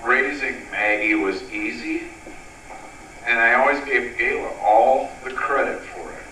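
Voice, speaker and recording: A middle-aged man giving a sentimental wedding toast as father of the bride, speaking deliberately with pauses. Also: medium pitch, sharp tone. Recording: echoey, noisy room, distant microphone.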